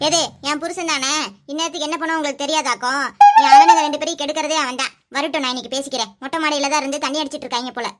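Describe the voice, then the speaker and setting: A woman voicing the young wives in a family cartoon serial, arguing and talking fast. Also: high-pitched, fairly even intonation, heavy background noise, close to an everyday voice. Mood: annoyed. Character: young village wives, quarrelsome and worried.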